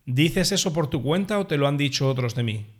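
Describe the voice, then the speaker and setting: A man reading as Jesus, calm and solemn. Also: on the high side, fairly quick. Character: calm male teacher, solemn and steady.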